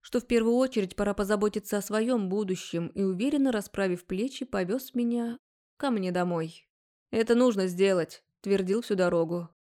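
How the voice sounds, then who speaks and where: A woman's voice: mid-range voice, fairly quick, warm tone. Young woman narrating a story, wry. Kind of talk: first-person audiobook narration.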